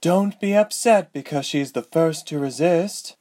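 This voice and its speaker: A man doing a smooth-voiced woman rebel leader. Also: on the high side, unhurried, mellow, pitched above the performer's own voice, close to an everyday voice. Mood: urgent. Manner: commanding, cross.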